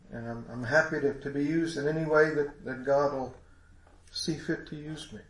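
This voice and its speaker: A man's voice: fairly high pitch, reverberant. A congested man preaching a sermon in a folksy, rambling way with many restarts.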